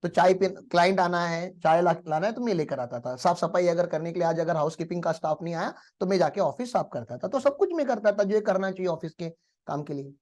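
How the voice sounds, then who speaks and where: A man's voice: high-pitched, a little mellow. A male teacher giving a motivational lecture in a classroom, telling stories and asking the class rhetorical questions.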